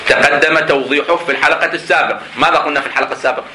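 Bright-voiced man teaching a class. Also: a little high, steady tone, very fast, slight background noise, low-quality recording. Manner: asks and answers his own questions. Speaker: teacher of jurisprudence. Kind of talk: classroom lecture reading and explaining a text.

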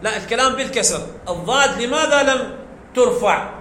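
A man's voice: very high voice, lively intonation, a little fast, sharp tone. A man teaching a grammar lesson, explaining step by step and quizzing his class with questions he answers himself. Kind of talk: classroom lecture. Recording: echoey room, faint background noise.

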